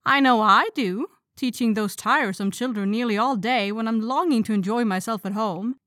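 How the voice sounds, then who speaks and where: A woman's voice: fairly high pitch, lively intonation, fairly quick, no echo, clean studio sound, natural voice. A woman voicing the eldest teenage sister, wistful and complaining.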